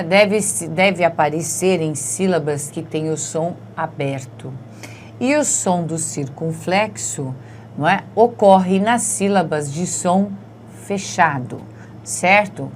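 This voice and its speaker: A woman's voice: on the low side, slight background noise. A woman with a Brazilian Portuguese accent teaching an exam-prep grammar lesson, explaining step by step and checking in with her students after nearly every point.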